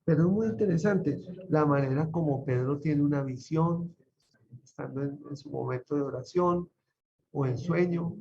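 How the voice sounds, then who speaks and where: A man's voice: on the high side, dark tone. Man teaching a Bible class, muffled audio. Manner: conversational, asks the class frequent rhetorical questions. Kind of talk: online class lecture.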